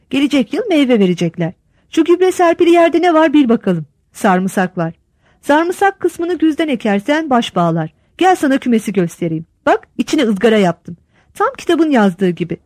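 A woman's voice: fairly high pitch, normal speed, dry recording, studio quality. A woman voicing an eager, talkative village instructor. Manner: excited, shouting to his wife.

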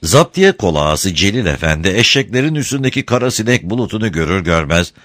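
Low, dry-sounding male storyteller; steady and measured. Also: no echo. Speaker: narrator. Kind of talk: storytelling reading.

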